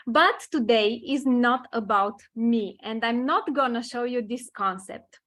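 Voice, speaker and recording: A Romanian woman hosting an online presentation over a video call, welcoming people slowly and repeating her words. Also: a little high, fairly bright tone. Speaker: webinar host.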